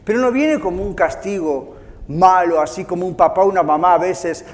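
High-pitched guy preaching, acts out little voices, echoey hall. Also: moderate pace. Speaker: pastor. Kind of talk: sermon.

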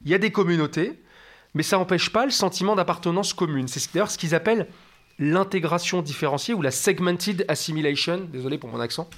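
A man's voice: a little high, quick pace, a bit bright. A man speaking as a guest expert in an interview, explaining in a didactic way and stacking up lists of examples.

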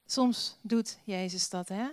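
A woman's voice: medium pitch, slow pace, no room sound. A woman preaching a sermon and reading Bible passages aloud, in a conversational way with many filler sounds and rhetorical questions.

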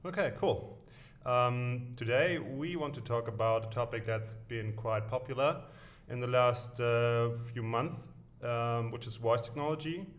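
A man's voice: medium pitch, unhurried. A man hosts a podcast interview in a casual, easygoing manner. He asks his questions with frequent small hesitations. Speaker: podcast host.

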